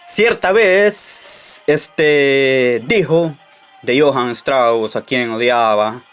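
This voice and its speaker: A man telling anecdotes in a casual monologue, halting often with fillers and restarts. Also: mid-range voice, steady tone, smooth, soft background music.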